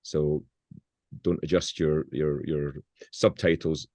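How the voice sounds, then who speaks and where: Very deep Scottish man, wry. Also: little pitch movement, slow pace, a little mellow, dry recording. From Scottish island. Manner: wry, self-deprecating humor. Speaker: business founder. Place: at home with mountains behind him.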